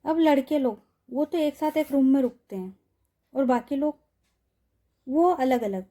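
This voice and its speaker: A woman's voice: sits high, expressive, unhurried, dark tone. A woman telling a story in casual, conversational narration. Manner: conversational, repetitive retelling.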